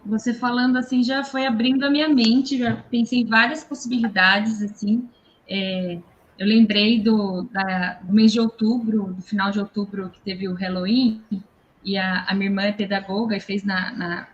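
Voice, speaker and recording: A mother appearing as a guest on a casual video call talks eagerly, often restarting her sentences and tacking on frequent "né" checks. Her medium-pitched voice has fairly even intonation and a moderate pace, and the sound is lo-fi.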